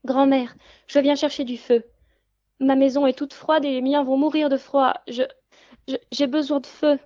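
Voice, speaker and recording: A woman's voice: sits high, animated, a little slow, warm tone, muffled recording, pitched above the performer's own voice. A woman doing a timid young girl. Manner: hesitant, stammering, pleading. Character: timid young peasant girl, trembling and polite. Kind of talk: storybook reading.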